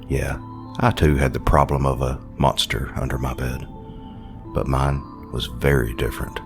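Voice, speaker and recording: A man telling a horror story in a slow, brooding narration. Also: very deep voice.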